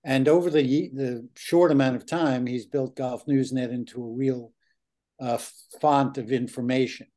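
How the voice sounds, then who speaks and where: A man's voice: mid-range voice, steady tone, normal speed, dark tone. An older man co-hosting a golf podcast, talking earnestly and reflectively, with fillers. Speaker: podcast co-host. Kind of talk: casual chat.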